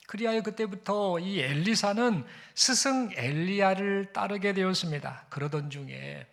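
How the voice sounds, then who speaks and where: A male pastor preaching a sermon in a measured, storytelling manner. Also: sits high, creaky, fairly bright tone.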